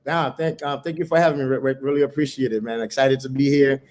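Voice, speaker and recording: Speaking at a quick pace in a mid-range, slightly mellow voice with fairly even intonation, a middle-aged man from Haiti recounts his journey as a startup founder. The interview is conversational, and his earnest, motivational delivery includes an occasional repeated word.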